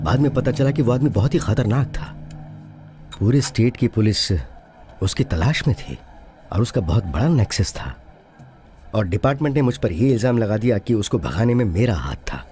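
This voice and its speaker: A man's voice: on the low side, expressive, normal speed, warm tone, soft background music, lightly acted. An actor dubbing an aging, honest policeman and bitter widower, mournful and deferential, his voice breaking with tears. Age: older. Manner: mournful, deferential, repeats "sir". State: tearful, voice breaking. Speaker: suspended police officer. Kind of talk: dubbed film dialogue.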